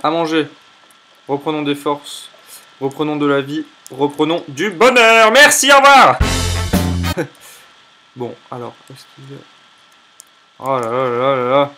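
A young man commentating his own gameplay in an animated, jokey, exclamatory way. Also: fairly high pitch, a little slow, long pauses, soft background music. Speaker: let's play host.

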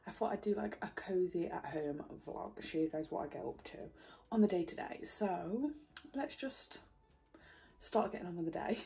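A young vlogger chats casually to a camera on her desk in her bedroom, rambling with lots of fillers and laughter. Her fairly low voice is expressive, creaky and mellow, moving at a moderate pace, and she has a slightly croaky morning voice.

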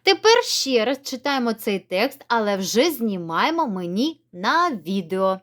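A woman's voice: fairly high pitch, big pitch swings, a bit bright. A woman teacher giving a recorded reading lesson for children, speaking in friendly, encouraging instructions. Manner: slow, clear word-by-word dictation.

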